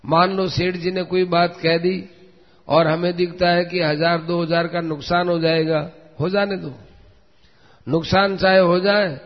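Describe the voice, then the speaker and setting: High-voiced preacher man in an echoing hall. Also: little pitch movement, a little slow. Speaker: religious preacher. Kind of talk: devotional discourse with a story. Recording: dull lo-fi recording in a long-reverb hall.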